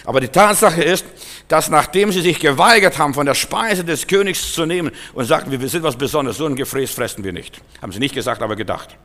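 A man preaching an emphatic sermon, swinging from loud exhortation to quiet, searching questions. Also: on the high side, fast talker. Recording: long hall reverb.

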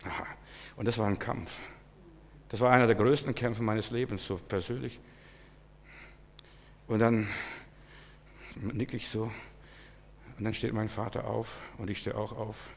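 A man preaching a sermon, swinging from quiet, slow confession to loud, pleading repetition. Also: on the low side, fairly even intonation, creaky, slight background noise. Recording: long hall reverb.

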